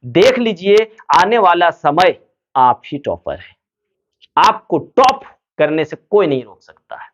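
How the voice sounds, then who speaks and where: A man's voice: high-pitched, big pitch swings, slow pace. A man giving motivational study advice to students, asking questions and answering them himself.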